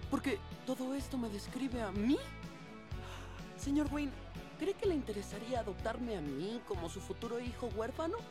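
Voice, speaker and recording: An actor voicing an eager, lonely young orphan boy in an animated film dub, gushing with excited questions. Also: mid-range voice, normal speed, music in the background, lightly acted.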